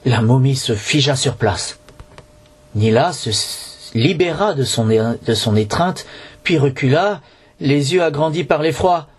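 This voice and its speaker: A man's voice: medium pitch, lively intonation, a little slow, husky. A man reading a storybook aloud in French, narrating with occasional slips and restarts.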